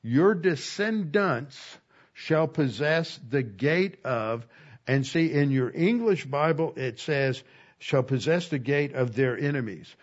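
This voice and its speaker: A man teaching an expository Bible lesson, slowing down to stress key words. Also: mid-range voice, lo-fi sound.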